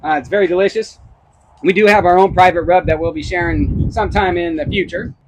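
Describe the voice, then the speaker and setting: A man's voice: high-pitched, steady tone, brisk, a little hiss or hum, poor audio. A man co-hosting a casual barbecue cooking demonstration outdoors, enthusiastic and explaining step by step. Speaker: barbecue show co-host.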